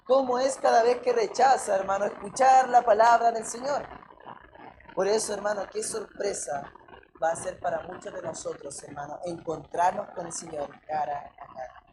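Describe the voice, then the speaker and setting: A woman's voice: medium pitch, noisy background. A woman with a Chilean accent preaching a sermon, speaking emphatically, asking many rhetorical questions and often turning to her listeners as brother.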